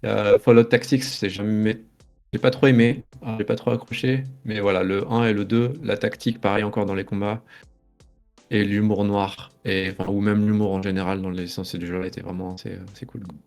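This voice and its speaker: A man's voice: on the low side, level tone, a little fast, gravelly, a little mellow, faint music behind. A man in his thirties from France, a guest in a casual interview, talking in a rambling, hesitant way as he reminisces. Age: 30s.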